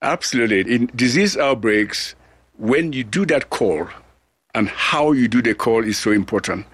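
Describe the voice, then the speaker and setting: A middle-aged man from Cameroon, a global health scientist answering interview questions in an earnest, deliberate way with frequent restarts. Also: medium pitch, lively intonation, a bit bright, husky, no echo.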